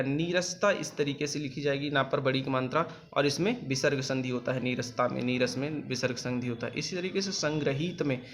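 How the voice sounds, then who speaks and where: A man's voice: on the high side, a bit bright, slight background noise. Patient spelling teacher, man. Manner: patient, repeats each word slowly and spells it out. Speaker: exam coaching teacher. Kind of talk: spelling lesson over written slides.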